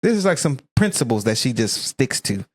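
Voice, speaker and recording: A man's voice: medium pitch, sing-song, fairly quick, dry recording. A man with a Southern US accent, co-hosting a music reaction video and talking loosely, often searching for words. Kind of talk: casual chat.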